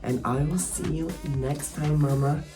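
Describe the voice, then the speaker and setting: A tipsy man doing a drag persona's feminine girl voice through a pitched-up gender swap filter, with a sassy manner. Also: steady tone, measured pace, music in the background. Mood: sweet sign-off. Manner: sassy, swearing, calls viewers mama and girl. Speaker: drag vlogger. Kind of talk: casual makeup tutorial chat.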